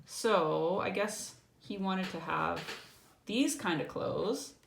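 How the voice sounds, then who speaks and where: Reading a picture book aloud to a child, a woman speaks slowly in a fairly low, gravelly voice, breaking off to explain things casually and ask small questions. There's roomy echo and faint noise in the background.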